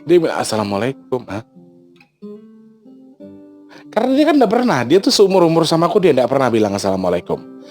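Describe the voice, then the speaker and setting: A man hosting a casual storytelling vlog, talking in an animated way with frequent exclamations. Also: fairly high pitch, fairly quick, long pauses, soft background music. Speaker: channel host.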